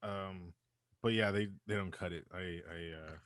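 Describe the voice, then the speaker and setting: A man's voice: low voice, steady tone, unhurried, a bit bright, no echo. A man co-hosting a casual podcast from home, laid-back, swearing and laughing often. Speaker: podcast co-host. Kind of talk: casual chat. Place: California home.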